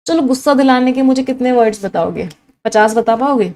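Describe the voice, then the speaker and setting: A woman's voice: sits high, a little fast, darkish tone. A young adult woman with an Indian English accent teaching an exam-prep vocabulary lesson, mixing Hindi and English, repeating words and quizzing the viewer.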